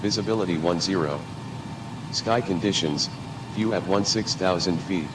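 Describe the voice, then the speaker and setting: A man's voice on an automated airport weather broadcast, reading numbers in a measured, formal sequence. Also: sits low. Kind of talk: recorded weather and runway information. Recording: distant speaker with background noise.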